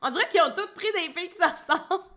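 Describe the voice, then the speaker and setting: A young woman with a Québécois accent talks over clips in a casual reaction video. Her voice sits high and bright. She is blunt and excitable, and she swears often. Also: fast talker, a little hiss or hum. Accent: Québécois French. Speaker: host reacting to show clips.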